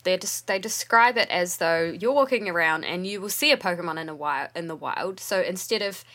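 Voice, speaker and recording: A woman's voice: on the low side, a little fast, fairly bright tone. Tired-sounding woman co-hosting a podcast. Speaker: podcast co-host, museum and university worker. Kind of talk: casual chat.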